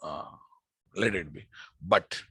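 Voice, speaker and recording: A man's voice: deep voice, slow pace, gravelly, fairly bright tone, breathy edge, dry recording, clean studio sound. A man with a Telugu-influenced Indian accent teaching a live coding class, repeating his phrases and often checking in with his students. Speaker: programming instructor.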